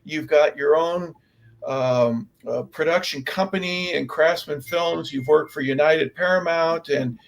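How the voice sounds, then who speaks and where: A man's voice: a little high, measured pace, vocal fry, poor audio. A man hosting a sports talk radio show, eagerly listing a guest's credits and asking questions. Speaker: host. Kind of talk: radio interview.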